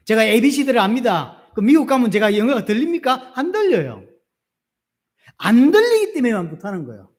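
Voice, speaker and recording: A man's voice: very high voice, big pitch swings, fairly quick, darkish tone. A middle-aged man with a Gyeongsang Korean accent preaching a sermon as pastor. He keeps asking the congregation questions and answering them himself.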